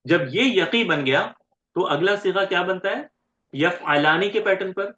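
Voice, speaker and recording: A man teaching grammar in a lecture, spelling out syllables slowly and often checking with his students whether they follow. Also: high-pitched, pushed and bright. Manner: keeps checking with "right?" and quizzing students. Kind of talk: classroom lecture. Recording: roomy and dull, lo-fi.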